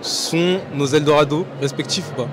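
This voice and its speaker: A man's voice: a little high, normal speed, noisy background. Casual man interviewing passers-by outdoors. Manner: casual, probing follow-ups. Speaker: street interviewer. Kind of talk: street interview questions.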